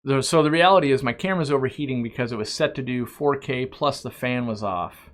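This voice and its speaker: Speaking briskly in a mid-range voice, a middle-aged man who owns an aquarium shop chats casually on his live stream. He drifts from subject to subject, restarts sentences and throws in asides, reading out viewer questions and then responding in a relaxed, friendly, unscripted way.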